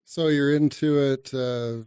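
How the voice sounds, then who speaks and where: A man's voice: mid-range voice, fairly even intonation, slow pace, dark tone, clear, resonant tone, no room sound, clean studio sound. A man hosting a podcast interview, easygoing and joking. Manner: easygoing, joking, laughs often. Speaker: podcast host.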